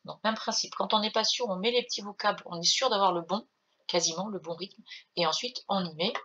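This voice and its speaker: A woman's voice: mid-range voice, fairly quick, pushed and bright, lo-fi sound. A woman music teacher patiently explaining rhythm exercises and chanting the rhythm syllables.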